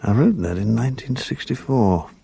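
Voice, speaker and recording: Voicing a sleepless, bitter, grieving writer in a radio drama, this fifty-something British actor narrates with gloomy, self-mocking dryness and a weary mood. His medium-pitched voice is dark, husky, and full of vocal fry, yet animated and exaggerated at a moderate pace.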